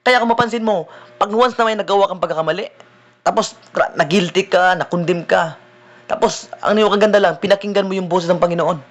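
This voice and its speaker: A man, a deliverance minister preaching a sermon in a conversational way, often checking in with the listeners with a quick "no?". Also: sits high, a bit bright. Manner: conversational preaching, mixing in English phrases, frequent "no?" tag questions.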